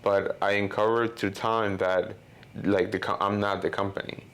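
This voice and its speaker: A man's voice: fairly low pitch, flat delivery, normal speed, a bit bright. A man in his thirties from Honduras, speaking as the guest in a casual interview and rambling with many "you know" and "like" fillers. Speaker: guest filmmaker.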